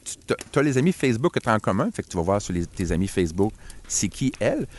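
A man's voice: fairly low pitch, very animated, fast. A man with a Québécois French accent, a tech guest on a podcast, telling a self-mocking story in casual chat. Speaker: podcast guest, tech and social media expert.

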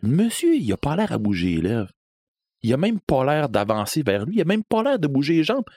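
A man's voice: a little high, brisk, no echo, studio quality. A man with a Québécois accent telling a spooky story in a casual, conversational way. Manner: lively, animated, conversational with fillers.

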